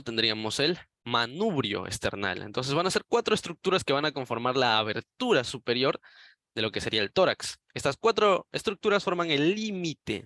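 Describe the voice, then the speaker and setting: A man's voice: medium pitch, fairly bright tone, no echo. Man giving an anatomy lecture. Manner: explains step by step while pointing at images.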